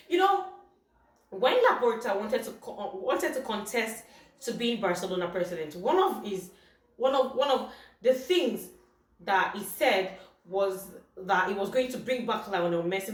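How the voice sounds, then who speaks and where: Football vlogger, woman, upset, repeats herself; echoey room, off-mic. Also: mid-range voice. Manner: upset, exasperated, repetitive. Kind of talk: casual vlog commentary. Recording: echoey room heard from a distance.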